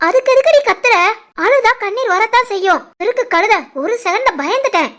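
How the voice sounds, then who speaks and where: A woman's voice: very high-pitched, animated, a little fast, fairly bright tone. A woman doing a scolding old cartoon grandmother. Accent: Tirunelveli Tamil. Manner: scolding, dismissive.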